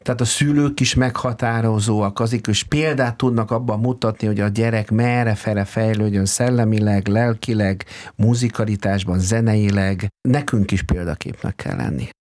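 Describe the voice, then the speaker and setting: An older man, a singer and voice teacher, talking in a measured, reflective way and sometimes searching for words. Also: fairly low pitch, fairly even intonation, darkish tone. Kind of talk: conversational interview.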